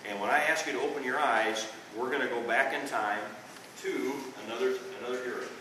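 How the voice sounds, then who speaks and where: In a classroom history talk, a Midwestern-accented older man who is a re-enactor and teacher keeps checking in with "okay?" in his folksy way. His bright, forceful, medium-pitched voice moves a little fast, captured from a distance in an echoey room with slight hiss or hum.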